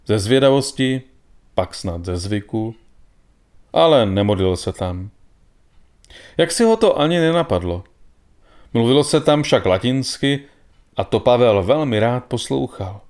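Man reading a story calmly. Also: mid-range voice. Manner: calm, measured storytelling. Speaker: narrator.

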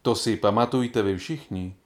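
A man playing a stern farmer father in a storybook reading, speaking quietly and solemnly. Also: fairly low pitch, natural voice.

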